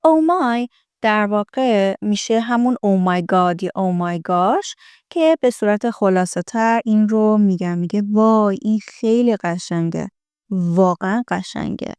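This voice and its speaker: A woman teaching English from film lines, repeating each line slowly in an American accent and then explaining it. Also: mid-range voice, animated, a little mellow, clean tone, no echo.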